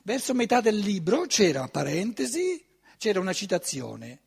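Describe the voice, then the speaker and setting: An older man lecturing to a hall, his voice deeply raspy and worn. He speaks in an animated, conversational way, swinging his pitch widely and tossing out rhetorical questions. The tone sits a little higher than most men's. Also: normal speed. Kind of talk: conference talk.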